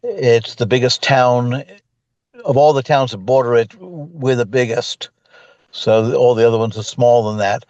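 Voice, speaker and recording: A man on a video call asks a long question in a halting way, often stopping and restarting. His audio is dry and a bit muffled, like a cheap call mic. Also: medium pitch, a little mellow, dry recording. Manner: halting, hesitant, many restarts. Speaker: caller, new agent.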